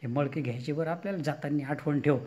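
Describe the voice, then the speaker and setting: Preacher, male, fairly high voice, storytelling sermon, acts out every character with rhetorical asides. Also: quick pace. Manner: animated storyteller acting out dialogue, frequent "hm?" asides. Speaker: kirtan preacher. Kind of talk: Marathi devotional storytelling sermon.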